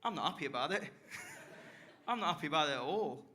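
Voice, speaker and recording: A man's voice: on the high side, animated, fairly quick, pushed and bright, slight background noise. A young man from South Yorkshire with a South Yorkshire accent, doing a live stand-up set on a comedy club stage with cheeky, sweary banter aimed at the crowd. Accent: South Yorkshire English. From Barnsley, South Yorkshire, England.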